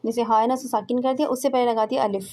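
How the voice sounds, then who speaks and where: This woman teaches Quran pronunciation in a casual home lesson recorded on a phone, walking through throat sounds one step at a time with patience. She speaks at a fairly high pitch in a steady, darkish tone.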